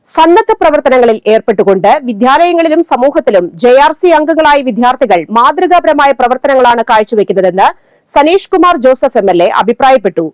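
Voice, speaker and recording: Female studio anchor, steady formal read, high-pitched, dry close mic. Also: brisk, dry recording. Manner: steady, formal bulletin reading. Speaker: news anchor. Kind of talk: scripted news reading.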